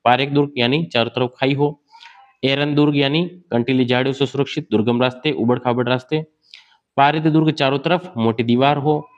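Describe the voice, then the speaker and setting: A man's voice: mid-range voice, fairly even intonation, brisk, dull audio. A man giving an exam-prep lecture, asking questions and answering them himself while he sketches on a board. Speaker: teacher.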